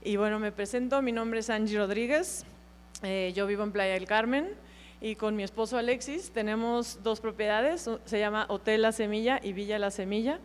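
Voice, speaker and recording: A woman introducing herself as a hotel owner on a panel, soft and friendly. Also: mid-range voice, moderate pace, big-room sound, a little hiss or hum.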